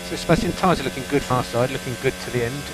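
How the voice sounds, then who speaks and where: A man's voice: medium pitch, very fast, over music, rough recording. A man working as a race engineer, giving concise, repeated instructions over race car team radio. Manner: concise, repeats key calls.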